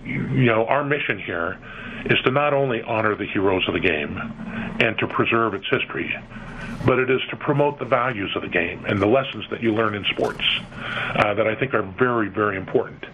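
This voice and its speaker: A middle-aged man from California, a guest on a radio interview, who talks in a halting way with many repeated words and fillers. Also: fairly low pitch. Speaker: interview guest, museum executive. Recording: dull lo-fi radio broadcast with faint noise.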